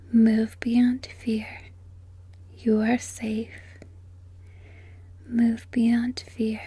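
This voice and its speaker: A woman whispering a sleep hypnosis script in a slow, soothing, repetitive way. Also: on the high side, mellow, no room sound. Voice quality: breathy.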